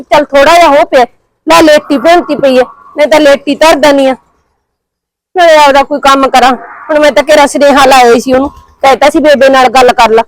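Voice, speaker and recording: A woman's voice: high voice, lightly acted, low-quality recording. A woman playing an anxious young housewife with a Punjabi accent, muttering her worries to herself. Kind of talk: drama monologue.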